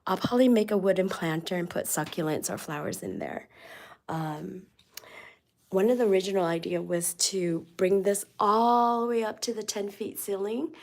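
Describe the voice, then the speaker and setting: A woman chatting casually on a live stream while decorating her office, a bit hoarse from a cold and rambling with lots of ums. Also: mid-range voice, darkish tone. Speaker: vlogger.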